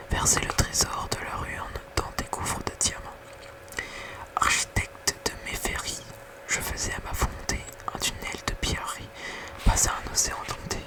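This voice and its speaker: A very quiet, night-time whisper reading poetry softly in an ASMR bedtime style. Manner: hushed bedtime reading with casual whispered asides. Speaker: ASMR reader.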